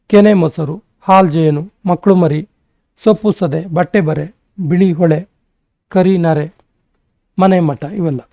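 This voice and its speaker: A male exam-prep teacher giving a grammar lesson, briskly rattling off word lists. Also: sits high, darkish tone, dry recording.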